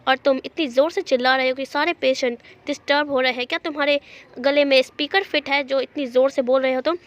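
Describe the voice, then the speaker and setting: A woman voicing a sharp-tongued, defiant male hospital doctor who mocks and taunts. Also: very high-pitched, steady tone, a little fast. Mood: mocking defiant. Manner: mocking, sarcastic. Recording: dull lo-fi.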